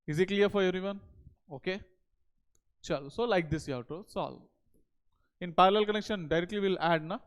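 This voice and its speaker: Speaking into a headset at a digital board in an indoor studio, an Indian physics teacher gives a board lecture to exam students. His high, clear voice moves a little fast with frequent pauses, and he repeatedly throws in check questions and tag words.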